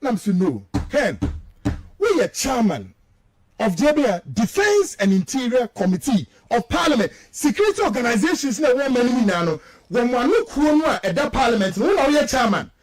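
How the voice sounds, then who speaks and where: Very animated at a normal speed, a male Ghanaian radio guest commentator speaks with a very high pitch and wide swings in delivery. His heated political commentary blends English and Twi, and he comes across as combative, emphatic and indignant, repeating words for emphasis.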